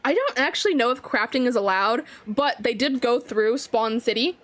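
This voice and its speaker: A woman's voice: a little high, animated, moderate pace, fairly bright tone. A woman casually explaining a Minecraft challenge as she plays, chatty, with many fillers. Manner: chatty, filler-heavy, laughs between phrases. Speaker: Minecraft server player. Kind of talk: casual gaming commentary.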